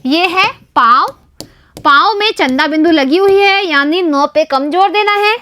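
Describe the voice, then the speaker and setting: High-voiced teacher talking to children. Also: female voice, unhurried, pushed and bright. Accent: Indian. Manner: keeps addressing the children, asks and answers her own questions. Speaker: primary school teacher. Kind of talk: explaining a Hindi lesson to young children.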